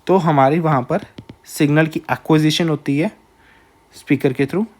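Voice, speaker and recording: A man with an Indian accent giving a recorded lecture, speaking slowly and deliberately, often pausing to check in with listeners. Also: a little high, a little mellow. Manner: slow, measured, with frequent filler checks.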